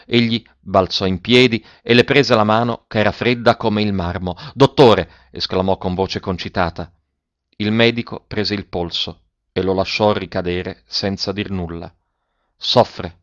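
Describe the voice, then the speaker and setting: Male audiobook narrator, grave and measured, low voice; dull lo-fi audio. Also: steady tone, no echo. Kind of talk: scripted narration. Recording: dull, dry lo-fi recording.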